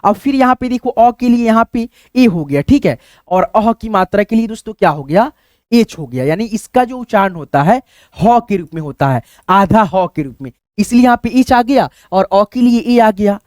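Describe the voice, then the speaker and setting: A man's voice: high-pitched, expressive, normal speed, darkish tone, no room sound, studio quality. A man teaching a language lesson in a chatty way, often calling his listeners friends, checking they follow, and drawing out vowel sounds to show them. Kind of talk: screen-based language lesson.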